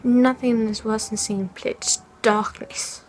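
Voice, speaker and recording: Young woman plays a scared vlogger haunted by falling dreams, whispery and halting, highish voice, camera mic at home. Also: steady tone, slight background noise, poor audio. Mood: frightened. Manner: hushed, halting, often whispering. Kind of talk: in-character fan fiction vlog.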